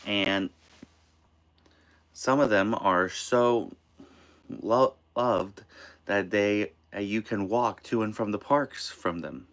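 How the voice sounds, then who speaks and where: An American man from Maine hosting a casual live stream of tips from inside an RV, halting and restarting his phrases. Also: on the low side, fairly bright tone. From Maine, United States. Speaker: host of a live show.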